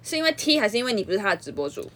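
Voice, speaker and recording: A woman who co-hosts a podcast, reacting with quick teasing remarks in casual chat. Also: mid-range voice, big pitch swings, a bit bright. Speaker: podcast co-host.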